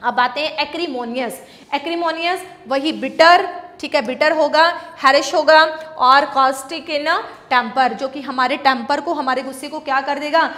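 High-pitched Indian woman teaching vocabulary. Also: unhurried, a bit bright. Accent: Indian English. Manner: explains patiently, asks and answers her own questions, calls students beta. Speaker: English teacher. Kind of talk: classroom vocabulary lesson.

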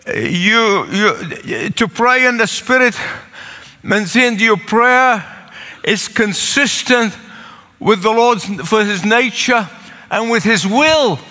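A man's voice: sits high, slow pace, sharp tone. An older man with an Egyptian accent preaching a sermon from a pulpit in a large church, earnest and pleading, repeating phrases for emphasis. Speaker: pastor. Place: large church sanctuary with congregation. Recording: long church hall reverb.

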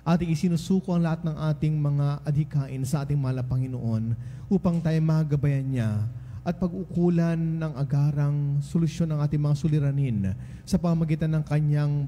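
Solemn priest in a reverberant church. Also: male voice, fairly high pitch, steady tone, normal speed, mellow. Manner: solemn, liturgical address. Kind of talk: leading a radio-broadcast Mass.

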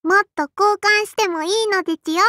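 A woman's voice: very high-pitched, a little fast, pushed and bright, no echo, clean studio sound. Beni-enma, a tiny lisping sparrow girl. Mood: prim, cheerful. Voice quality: childlike, lisping. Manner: polite and prim, with a cutesy verbal tic. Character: tiny sparrow girl innkeeper swordswoman, prim, strict, dutiful. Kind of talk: Japanese anime mobile game character voice lines.

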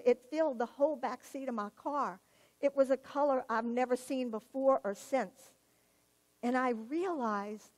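A woman giving a personal testimony in church, telling her story vividly and acting out the dialogue. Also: high-pitched. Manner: animated storyteller, acts out quoted dialogue, laughs at herself.

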